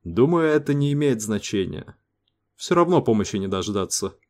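A man's voice: medium pitch, sing-song, normal speed, a little mellow, lightly acted. Man playing a sardonic, doomed crewman. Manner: dry, sarcastic. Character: bitter, indifferent doomed male crewman.

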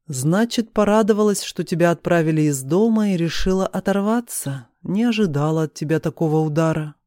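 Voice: medium pitch, a little fast, darkish tone, no room sound, studio quality, natural voice. A reader voicing a stern middle-aged mother who harshly scolds and accuses her daughter in an audiobook. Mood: scolding.

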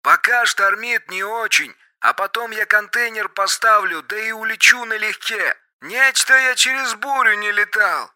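A man's voice: high-pitched, moderate pace, hardly any pauses, sharp tone, voice pushed up. A man reading an audiobook, voicing a brash male helicopter pilot who talks over a radio handset. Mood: breezy. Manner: brash, dismissive of danger. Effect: heard over a radio handset.

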